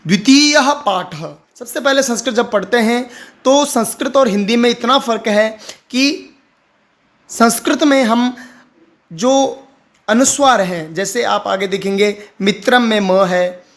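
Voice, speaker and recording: A man's voice: very high-pitched, fairly bright tone. A man teaching how to read and pronounce Sanskrit, explaining patiently and repeating words for the learner. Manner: slow, deliberate chanting of Sanskrit lines. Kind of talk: explaining reading and pronunciation.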